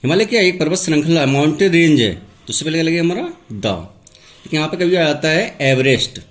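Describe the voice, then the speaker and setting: A man teaching English grammar in a classroom lesson. He asks questions and answers them himself, and says key words over slowly. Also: a little high, animated. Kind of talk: classroom lesson, step-by-step explanation.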